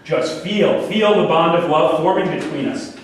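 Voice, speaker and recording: At a staged reading in a large room, a man with a fairly high voice plays a delusional, manipulative murderer fixated on a woman, declaiming grandly and preachily at normal speed with light acting. The mood is seductive and intense; the far mic picks up heavy echo and faint noise.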